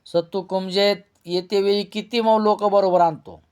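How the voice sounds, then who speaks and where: A stern young police officer from a storybook, earnest and probing, as a male narrator reads him. The voice sits fairly high and is kept close to the reader's own plain tone. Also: fairly even intonation, a little slow, darkish tone, clean tone.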